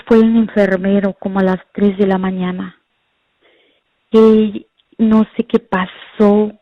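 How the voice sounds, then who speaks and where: Slow, earnest middle-aged woman testifying. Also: mid-range voice, no room sound. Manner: earnest, prayerful, often calls listeners "brothers". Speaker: mother giving a faith testimony. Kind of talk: religious testimony. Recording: dull lo-fi recording.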